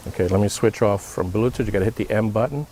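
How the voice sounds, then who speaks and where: Out in a backyard, a product reviewer gives a casual hands-on demonstration, thinking aloud in short, step-by-step remarks. He talks fast in a lowish, mellow voice, with slight background noise.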